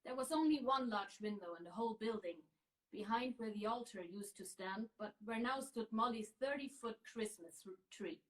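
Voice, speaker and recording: A woman's voice: fairly high pitch, animated, moderate pace, low-quality recording. Woman reading a novel aloud. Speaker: reader.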